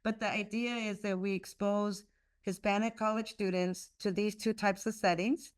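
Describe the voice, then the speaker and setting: Speaking over a video call as a guest, the head of a leadership institute, a woman from the United States who grew up speaking Spanish, answers interview questions earnestly with many fillers and restarts. Her voice is medium-pitched with fairly even intonation at a normal speed.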